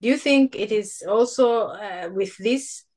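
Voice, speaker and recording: A woman's voice: medium pitch, measured pace, darkish tone. A middle-aged woman from Tanzania teaching Swahili one-on-one, patient and coaxing, affirming her student with frequent murmurs. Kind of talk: one-on-one language lesson.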